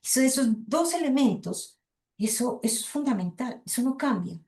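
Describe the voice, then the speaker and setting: A woman's voice: high voice, expressive, normal speed, darkish tone, reverberant. A middle-aged woman with a Colombian Spanish accent giving an academic lecture, reading passages aloud and thinking aloud with frequent hesitations and rhetorical asides to her listeners.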